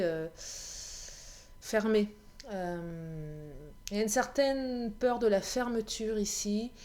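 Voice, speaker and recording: A woman reads cards for her viewers in a relaxed, chatty way, her voice hoarse and catching in her throat. She jokes about it, laughs at herself and keeps going at a medium pitch. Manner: chatty, self-mocking, laughs and clears her throat often. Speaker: tarot card reader. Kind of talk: card reading guidance video.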